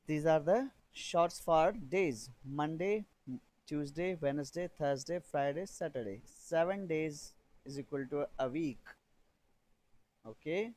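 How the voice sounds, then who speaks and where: A man teaching a beginner English lesson, reading drill sentences slowly and repeating phrases for learners to copy. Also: on the high side, darkish tone, low-quality recording.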